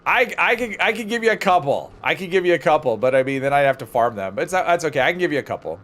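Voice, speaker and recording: A man's voice: a little high, expressive, fast, a bit bright. A man hosting a livestream, casually thinking aloud as he plays and rambling off into conversational asides. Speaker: livestream host.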